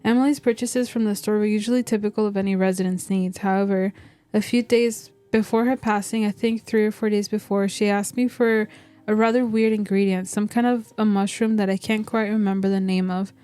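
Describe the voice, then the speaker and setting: A woman's voice: mid-range voice, fairly even intonation, fairly quick, dark tone, clear, resonant tone, faint music behind, lightly acted. A woman reading aloud the game part of a formal, wordy, nosy male village shopkeeper. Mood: formal, intrigued.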